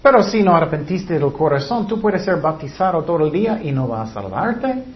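A man's voice: fairly high pitch, big pitch swings, a little fast. A man preaching a sermon in earnest, emphatic Spanish with some grammar slips, repeating his key points. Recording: dull lo-fi recording.

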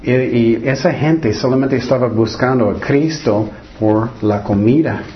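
A man's voice: medium pitch, a little slow, lo-fi sound, slight background noise. A man preaching a sermon and reading from the Bible. He often restarts his sentences and throws rhetorical questions at his listeners. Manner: acts out the voices of the people in his stories.

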